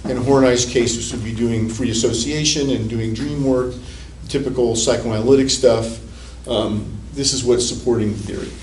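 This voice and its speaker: A man's voice: medium pitch, fairly even intonation, moderate pace, hardly any pauses, a little mellow. A male psychology professor giving a conversational classroom lecture, rambling with restarts and repeated words. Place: university classroom. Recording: echoey classroom, recorded from a distance, faint room hiss.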